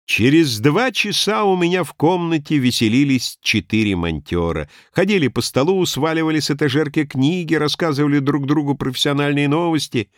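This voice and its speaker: A man narrating a story aloud with expressive delivery. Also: on the high side, brisk, hardly any pauses, dry recording, studio quality. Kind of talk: storybook reading.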